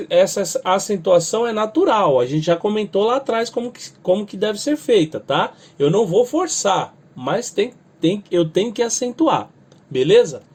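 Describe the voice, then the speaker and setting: A man's voice: high voice, breathy edge. A man with a Brazilian Portuguese accent teaching music theory, explaining step by step and checking in with "tá?" and "né?". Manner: explains step by step, adds "tá?" and "né?" after nearly every phrase; sings or spells out lyrics slowly to show stress. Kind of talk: spoken music lesson.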